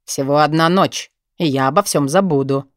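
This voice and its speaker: A woman's voice: low-pitched, normal speed, no echo, studio quality, pitched below the performer's own voice, natural voice. A woman voicing a sneering young man. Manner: cold, sneering, lazily drawling. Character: menacing young male student, smug blackmailer.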